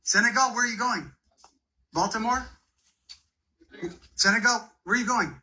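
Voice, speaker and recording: A man questioning arriving migrants, asking brisk, repetitive questions. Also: very high-pitched, pushed and bright. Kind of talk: rapid street questioning.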